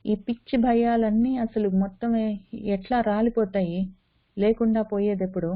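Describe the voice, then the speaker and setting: A woman's voice: medium pitch, steady tone, moderate pace. A woman gives a lecture on scripture in a mid-range voice. She repeats key phrases to drive a point home and drops English words into her explanation. The sound is thin and tinny, like a phone call. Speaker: teacher of scripture. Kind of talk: spoken lecture on a Sanskrit text. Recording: tinny phone-line audio.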